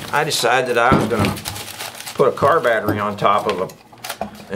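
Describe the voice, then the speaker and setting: An older woodworking instructor gives a casual hands-on demonstration at an indoor workbench, chatty and folksy and often throwing out rhetorical questions. His voice sits on the low side, and the background is noisy.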